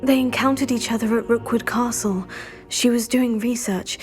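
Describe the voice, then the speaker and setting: A woman's voice: a little high, steady tone, moderate pace, a little mellow, faint music behind, lightly acted. An actress playing an earnest, curious young student witch, in a video game cutscene.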